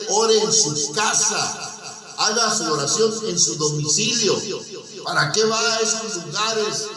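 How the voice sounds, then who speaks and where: A man preaching a slow, emphatic radio sermon who repeats his key phrases. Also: sits high, recorded from a distance. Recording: roomy radio broadcast from off mic with music.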